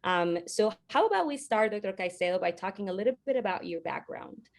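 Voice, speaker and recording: A woman's voice: mid-range voice, animated, brisk, vocal fry. A woman moderating a webinar, reading a formal introduction and then asking interview questions.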